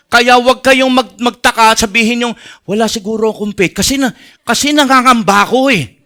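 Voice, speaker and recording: A man delivering a sermon in a very high, bright and forceful voice. He alternates between emphatic declarations and quiet, low asides, peppered with rhetorical questions to the congregation. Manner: swings between loud emphatic lines and hushed low ones; preaches with repeated restarts and rhetorical questions. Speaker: pastor. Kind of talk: sermon mixing Tagalog and English.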